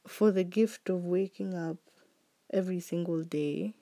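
Still getting her voice back after an illness, a woman reflects alone on her podcast about what she's thankful for. She speaks slowly on the low side, sounding heartfelt and earnest as her phrases softly trail away.

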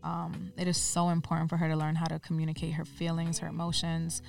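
A woman's voice: low voice, monotone, quick pace, creaky, a little mellow, recorded from a distance, soft background music. A woman guest on a casual podcast, talking earnestly and sprinkling her speech with "like" and "um". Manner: earnest, uses filler like "like" and "um". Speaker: interview guest.

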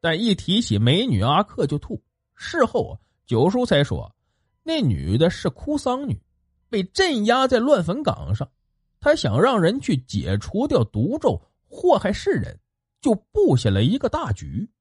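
A man telling a folk ghost story in animated, colloquial narration. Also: sits high, a little slow, husky, no echo. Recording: dry close recording, faint music.

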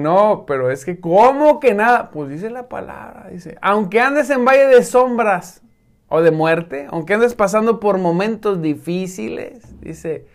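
A man with a high voice preaches a sermon, stressing and repeating words with emphasis. He often drops into soft, intense tones for effect.

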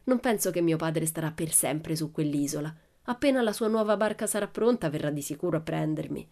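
A woman reading an audiobook and voicing a boastful, exuberant nine-year-old girl with loud, playful exclamations. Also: sits low, lively intonation, brisk. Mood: cheeky. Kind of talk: audiobook character voice.

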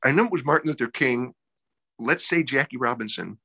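A man's voice: mid-range voice, animated, fairly quick, gravelly, bright, forceful tone, breathy edge. A man, an actor guest, telling stories in casual chat, repeating words as he searches for them.

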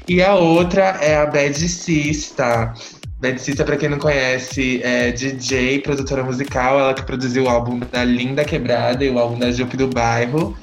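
A man's voice: medium pitch, steady tone, moderate pace. A Brazilian man hosting a casual podcast chat, talking in a slangy, effusive way. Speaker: podcast host. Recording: roomy echo, faint music behind.

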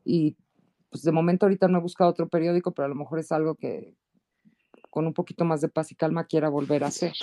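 A columnist guesting on a relaxed podcast, this woman with a Mexican accent tells her anecdotes at a quick pace. Her delivery is lively, with frequent jumps into high quoted voices.

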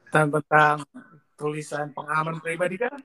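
A man's voice: a little high, steady tone, normal speed, a crowd in the background. A man co-hosting a casual podcast, bantering and teasing in a playful way. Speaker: podcast co-host.

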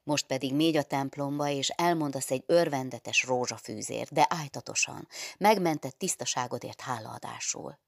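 A woman's voice: a bass voice, vocal fry, no room sound, clean studio sound, exaggerated voice. A woman playing a fretful, commanding nun superior. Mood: scolding. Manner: agitated, scolding, commanding. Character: stern, fretful middle-aged nun superior.

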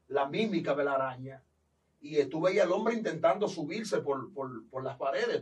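A man's voice: a little high, recorded from a distance, poor audio. A man with a Dominican accent, a pastor animatedly telling his testimony and acting out the voices in it. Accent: Dominican Spanish. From Dominican Republic. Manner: animated, acts out quoted voices. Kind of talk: testimony storytelling.

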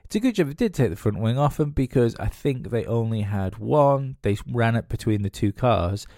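Sniffly and nasal with a cold, this solo podcast host meanders along with plenty of fillers and false starts. His mid-range voice is expressive, creaky, and warm at a moderate pace, captured at studio quality with no echo.

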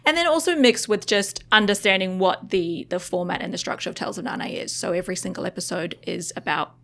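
A young adult woman from Australia and New Zealand, a writer-director chatting as a podcast guest in animated storytelling fashion. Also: on the low side, fast talker. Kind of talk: casual podcast chat.

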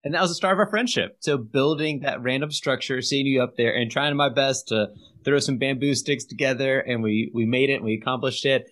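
Male conversational interviewer, average pitch, articulate and orderly delivery. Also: brisk, a bit bright.

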